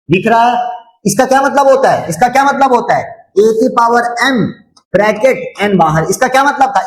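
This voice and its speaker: A man teaching a maths lesson online, repeating each step, quizzing his students and teasing them. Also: very high-pitched. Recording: roomy echo.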